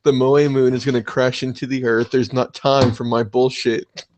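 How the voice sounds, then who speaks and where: A young man hosting a casual podcast, chatting excitedly and swearing often. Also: medium pitch, normal speed, slight background noise. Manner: excitable, swears a lot, animated. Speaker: podcast host.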